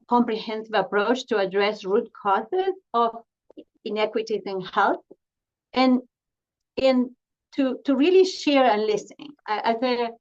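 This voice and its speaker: A woman from Argentina speaks into her computer microphone from home, presenting to a video call in an earnest, halting way. Her voice sits at a middle pitch. The call audio is slightly dull and lo-fi. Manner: earnest, halting, with many fillers and restarts. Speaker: family doctor and professor giving a talk. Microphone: computer mic on a video call.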